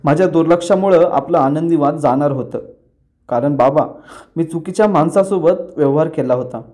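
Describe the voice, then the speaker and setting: A man's voice: a little high, moderate pace, dark tone, lightly acted. A man voicing a young husband from a TV serial, apologising in a subdued way. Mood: guilty.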